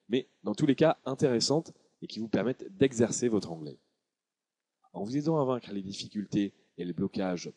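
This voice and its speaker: A man reading a scripted promotional voice-over about his own book, in a steady, measured delivery. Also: on the low side, husky. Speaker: author presenting his book.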